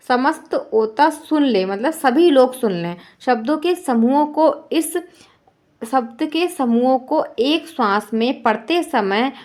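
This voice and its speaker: A woman teacher giving an online exam-prep lesson, who repeats each point as a question and keeps checking in with "ठीक है". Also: a little high. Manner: frequent checking "ठीक है" fillers.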